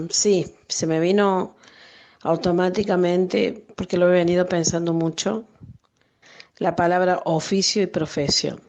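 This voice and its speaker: An Argentine woman in her late fifties, an artisan and translator, reflecting thoughtfully on words in an interview, often pausing and restarting as she searches for the right phrasing. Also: fairly low pitch, darkish tone. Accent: Argentine Spanish. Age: 50s.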